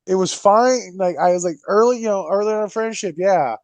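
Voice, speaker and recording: A blunt man chatting casually on a podcast, cursing freely and putting on other people's voices as he tells stories. His voice sits fairly high for a man. The sound is dry and close, with no room to it. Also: a little fast, darkish tone, no room sound. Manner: blunt, profane, swings his pitch mimicking others. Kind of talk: casual chat.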